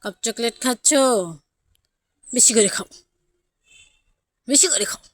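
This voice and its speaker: A woman's voice: on the high side, a little slow. A woman talking to her baby in playful, coaxing, sing-song baby talk.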